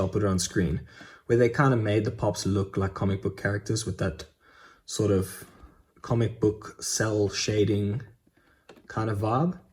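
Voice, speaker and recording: A man's voice: on the low side, darkish tone. A young man casually chatting through his collectible purchases in a vlog, enthusiastic with frequent ums. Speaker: Funko Pop collector vlogger.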